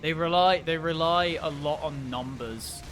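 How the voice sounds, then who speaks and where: A young man streaming a game, rambling in casual commentary, swearing freely and breaking into excited outbursts. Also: fairly high pitch, unhurried, noisy background.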